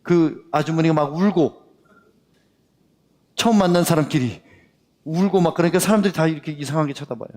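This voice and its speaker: A man's voice: a little high, brisk, pauses often. Korean male preacher in a reverberant hall. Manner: lively storytelling that acts out the dialogue. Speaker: pastor. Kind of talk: sermon with storytelling. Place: worship hall. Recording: long reverb of a worship hall.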